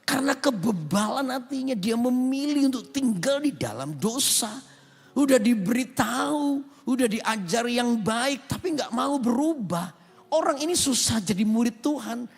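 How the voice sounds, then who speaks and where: A man's voice: extremely high pitch, animated, normal speed, creaky, breathy edge, big-room sound. A man preaching a sermon as pastor, with an Indonesian accent and emphatic calls for amen from the congregation. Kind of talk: sermon with acted anecdotes. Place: large rooftop church hall.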